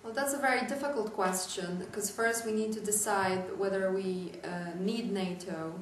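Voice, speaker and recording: A woman's voice: mid-range voice, steady tone, normal speed, a little hiss or hum. A young woman from Poland gives a thoughtful, hesitant interview answer in an indoor room. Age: young adult. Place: indoor room with lamp and furniture. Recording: echoey room, distant mic.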